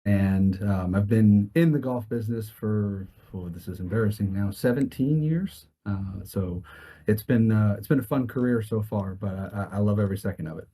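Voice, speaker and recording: A man in his early thirties speaks as a podcast guest in a dark, mellow, fairly low voice. He is easygoing and pauses on ums as he gathers his thoughts. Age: 30s. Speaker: golf club general manager, guest. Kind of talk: casual podcast interview.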